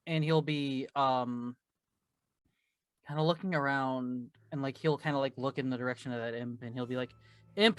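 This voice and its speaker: A man's voice: medium pitch, a bit bright, clear, resonant tone, no room sound. A man playing a tabletop roleplaying game, chatting casually and thinking aloud in a hesitant way.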